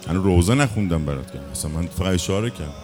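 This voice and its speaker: A man's voice: low voice, lively intonation. A man reciting a mourning sermon as a religious eulogist, in an impassioned, half-chanted lament, with music underneath.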